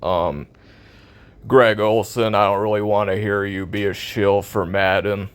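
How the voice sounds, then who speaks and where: A man's voice: lowish voice, steady tone, unhurried, clean tone. An American man in a casual, opinionated rant about a video game, blunt, cynical and sarcastic in his complaints.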